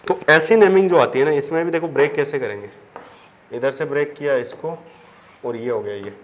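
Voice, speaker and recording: At the board, this chemistry teacher, his voice on the high side and fairly quick, walks his students through the material step by step. He addresses them as children and answers his own questions, and there's faint background noise.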